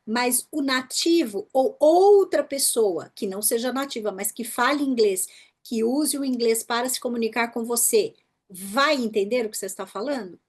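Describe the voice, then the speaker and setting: A slightly high, husky voice belongs to this Brazilian pronunciation teacher, whose Brazilian Portuguese accent comes through as she runs an online English workshop. She slowly demonstrates words, explains patterns, and keeps checking in with the listener.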